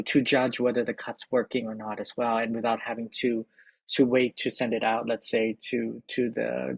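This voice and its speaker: Answering interview questions, this middle-aged film editor and director from Thailand speaks haltingly, full of fillers and repeated words. He has a mid-range, gravelly, husky voice; there's no echo, but the audio quality is poor.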